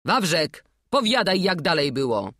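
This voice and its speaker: A woman's voice: deep voice, expressive, normal speed, a bit bright, no echo, clean studio sound. A woman reading an audiobook, voicing a stern, fatherly old master woodcarver with commanding, archaic speech. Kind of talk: audiobook character voice.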